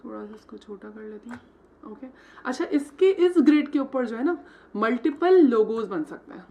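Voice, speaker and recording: A woman's voice: a little high, expressive, moderate pace, dark tone. A woman teaching logo design step by step, mixing English terms into her Hindi and checking in with "theek hai" after each step. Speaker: design tutor. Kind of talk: screen-recorded software tutorial.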